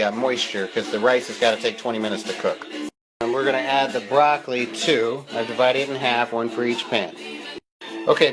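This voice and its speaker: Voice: mid-range voice, poor audio. A home cook giving a casual, chatty and mildly profane cooking demonstration. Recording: music and sizzling pan behind. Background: music, frying food sizzle.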